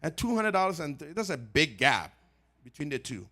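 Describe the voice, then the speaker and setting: A middle-aged man from Ghana with a Ghanaian accent, a pharmacist giving an informal health talk at church, lively and joking, repeating his key points. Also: fairly high pitch, moderate pace.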